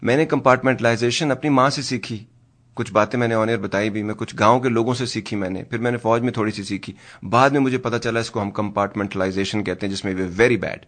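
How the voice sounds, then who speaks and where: A man's voice: on the low side, fairly bright tone. A man hosting a talk radio show, speaking earnestly and in a preachy way, and often slipping English phrases into his talk. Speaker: radio host.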